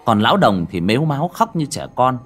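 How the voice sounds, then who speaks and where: Lively storyteller man. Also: medium pitch, brisk, faint music behind. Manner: vivid, expressive storytelling. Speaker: audiobook narrator. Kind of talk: dramatic horror story narration.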